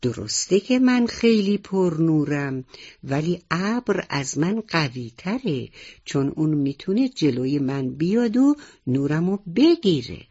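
Brief: warm-hearted sun character, read by a woman, gentle, slightly husky. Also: low-pitched, sing-song, lo-fi sound, heavily acted. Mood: kindly. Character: bright proud sun, friendly.

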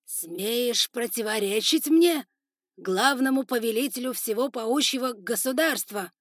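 A woman reading aloud plays a furious old spider lord who barks orders and sneers at everyone below him. His voice is loud, raised and harsh, delivered close and dry with no room sound. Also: fairly high pitch, unhurried, no room sound, voice pushed up. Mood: raging. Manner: shouting orders, harsh and contemptuous. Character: furious older male spider lord, cruel ruler. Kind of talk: audiobook character voice.

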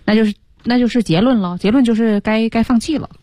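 A woman's voice: on the high side, fast talker, mellow, no echo. A woman co-hosting a radio English lesson, drilling stress and linking by repeating words and phrases. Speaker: English teacher, radio co-host.

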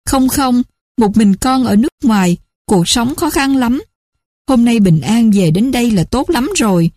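Một phụ nữ đóng vai bà mẹ kế ngoài năm mươi, giọng cao nghẹn ngào. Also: female voice, fairly high pitch, animated, a little slow, warm tone, dry recording. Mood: tearful. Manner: pleading, tearful. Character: grieving stepmother in her fifties, remorseful and tender.

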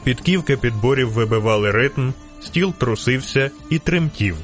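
A man narrates an audiobook with a steady, rhythmic storytelling delivery at a middle pitch. Soft music runs faintly beneath his reading. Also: moderate pace. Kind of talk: scripted narration.

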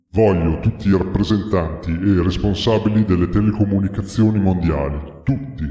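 A man voicing an imperious leader who talks to the crowd as if he were a god, commanding and deliberate. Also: low voice, mellow. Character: imperious self-made godlike male leader addressing crowds. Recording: long echoey hall reverb.

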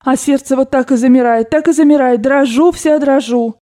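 A woman voicing a devout, fussy old maidservant who chatters in an excited, gushing way in an audiobook. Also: sits high, moderate pace, voice pushed up, lightly acted. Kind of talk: audiobook character voice.

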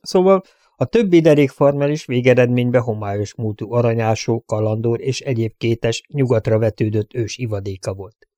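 A man narrating an audiobook novel in an even, measured way. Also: mid-range voice, no echo, clean studio sound.

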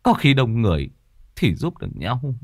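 A man's voice: medium pitch, wildly swooping pitch, normal speed, husky, no echo, clean studio sound, voice pushed up, heavily acted. A man voicing a frightened older village man who speaks humbly, pleading and stammering. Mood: weary resignation.

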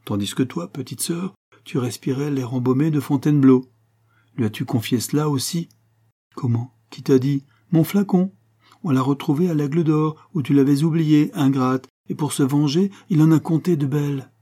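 A man's voice: on the high side, normal speed, dark tone, slightly rough, pitched above the performer's own voice. A man voicing Emma, a teasing young woman. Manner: playful, bantering.

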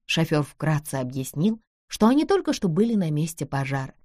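A woman narrating an audiobook in an expressive storytelling manner. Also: deep voice, a little fast, dry recording. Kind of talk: scripted narration. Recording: dry close studio sound.

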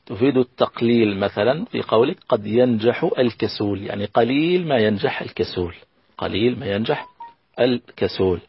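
A man teaching a lesson on Arabic grammar, slow and patient, repeating key phrases and working through examples. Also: mid-range voice, slightly rough, no echo, lo-fi sound. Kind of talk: recorded classroom lesson.

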